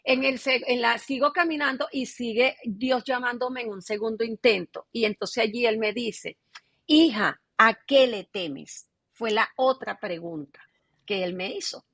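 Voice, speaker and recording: Pastora venezolana de voz algo aguda y velada. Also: female voice, on the high side, moderate pace, no echo. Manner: animated storyteller acting out quoted dialogue. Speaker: pastor giving her testimony. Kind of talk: conversational testimony in an interview.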